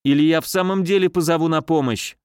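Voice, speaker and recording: A fussy, mincing nurse of middle age, easily frightened and quick to scold, as a male audiobook reader puts her on. Her voice rides high and turns shrill when she panics, set in a dry, close recording. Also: darkish tone, smooth, dry recording, close to an everyday voice.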